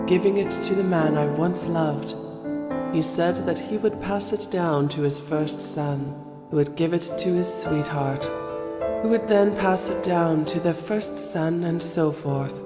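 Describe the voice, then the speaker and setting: Regal, wistful Snow Queen for audio drama, female actor: measured and low, music under a reverberant recording. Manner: slow, imperious, measured. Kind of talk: audio play acting.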